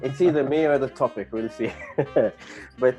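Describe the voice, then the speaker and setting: A man's voice: medium pitch, unhurried, warm tone, lo-fi sound, faint music behind. A man hosting a podcast interview in a casual, rambling way, with many fillers and restarts. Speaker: podcast host.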